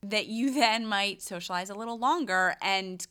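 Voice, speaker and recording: A woman's voice: mid-range voice, moderate pace, fairly bright tone, smooth. A woman co-hosting a casual health podcast, explaining research findings in a conversational way, with frequent restarts. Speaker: podcast co-host.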